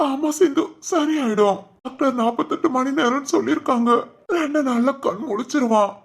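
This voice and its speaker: Woman doing a worried middle-aged dad, gentle, slightly high voice, cartoon drama. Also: moderate pace, vocal fry, slightly rough, heavily acted. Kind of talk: Tamil cartoon drama voice acting.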